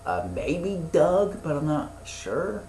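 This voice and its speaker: A man's voice: a little high, sing-song, slow, a little mellow. Rambling man in an echoey room. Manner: rambling, loose and profane, with many fillers. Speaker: podcast co-host. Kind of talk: casual chat. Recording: echoey room with faint noise.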